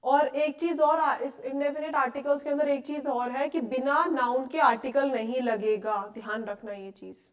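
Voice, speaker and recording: Young Indian woman teacher, high voice, patient explainer who keeps checking the class understands. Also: fairly even intonation, normal speed, hardly any pauses. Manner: explains patiently, asks checking questions often. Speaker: English teacher. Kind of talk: classroom lecture.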